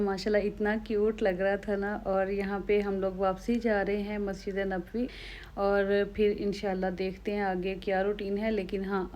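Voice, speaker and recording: A young Pakistani woman with a Pakistani Urdu accent and a slightly hoarse throat, chatting to viewers in a casual travel vlog. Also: medium pitch, a little mellow. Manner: chatty, conversational, addresses viewers directly. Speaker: vlogger.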